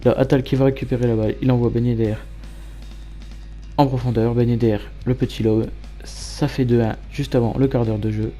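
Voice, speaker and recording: Flat, dark-voiced man commentating football gameplay. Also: mid-range voice, fairly quick, soft background music. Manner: matter-of-fact play-by-play in present tense. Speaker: gamer narrating his match highlights.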